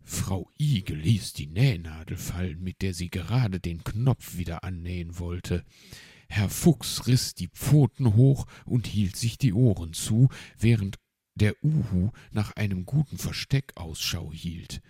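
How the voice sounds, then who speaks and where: A man telling a children's story in audiobook narration. His voice is very low and slow with a gravelly, husky texture. The sound is close and dry. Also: animated, mellow, no room sound.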